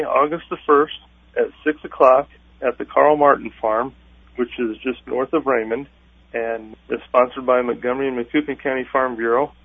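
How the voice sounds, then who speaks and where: A man heard taped off the radio, a guest talking in a halting way with lots of fillers. The sound is thin and phone-like. It is dry, with no room echo. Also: mid-range voice, creaky. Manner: halting, many filler pauses. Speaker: farm organization president, radio guest. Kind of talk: radio interview.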